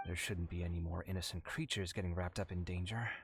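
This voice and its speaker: A man's voice: deep voice, fairly even intonation, quick pace, vocal fry, a little hiss or hum. A man voicing an earnest, talkative young male architect in a game, with faint music behind.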